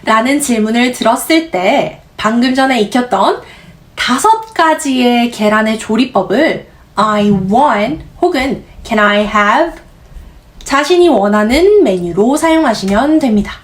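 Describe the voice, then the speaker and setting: Woman teacher, slightly high voice, slow and patient, repeats model words for practice. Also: expressive. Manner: friendly, coaxing questions to the learner. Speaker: English pronunciation teacher. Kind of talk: pronunciation lesson.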